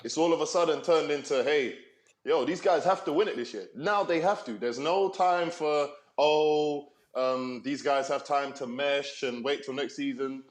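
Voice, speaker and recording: A man's voice: a little high, moderate pace, echoey room. A man on a sports talk show making his case loosely, trailing off and restarting as he tells it. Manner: loose, many fillers and restarts, storytelling. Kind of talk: casual basketball chat.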